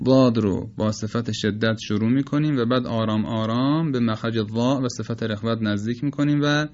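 Male lecturer, Persian speaker, unhurried teaching tone, models sounds slowly, mid-pitched, slightly muffled recording. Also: darkish tone, slight background noise. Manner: measured, explanatory, demonstrates sounds slowly. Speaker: teacher of Quranic recitation. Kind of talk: spoken lecture on phonetics.

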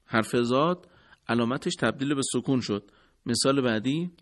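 A man teaching Quran recitation in a scripted radio lesson, formal and courteous, explaining step by step. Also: mid-range voice.

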